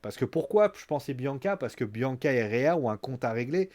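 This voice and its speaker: Animated French-speaking man reviewing wrestling. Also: medium pitch. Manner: animated, acts out scenes with quick exclamations. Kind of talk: casual commentary.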